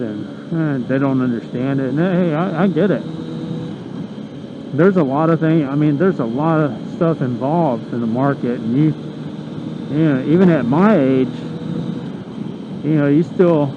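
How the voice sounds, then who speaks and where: A middle-aged American man rambling casually to himself in a motovlog, talking from inside a motorcycle helmet. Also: a little high. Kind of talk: casual rambling vlog monologue. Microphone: helmet microphone. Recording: muffled helmet mic, loud road and engine noise. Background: vehicle and wind noise.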